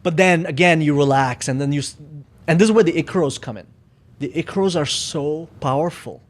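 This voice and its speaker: A man's voice: a little high, a little fast. A man talking as a podcast guest in casual conversation, reflective and searching for his words with frequent fillers.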